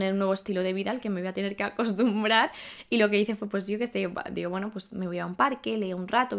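A woman's voice: medium pitch, creaky. A woman in her twenties from Spain, hosting a podcast and talking casually about her life, thinking aloud with many fillers and questions to herself. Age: 20s. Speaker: podcast host. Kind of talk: casual monologue.

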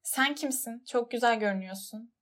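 A woman voicing a gentle, polite little prince, earnest and wondering, pitched above her narrating voice. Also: moderate pace, close to an everyday voice.

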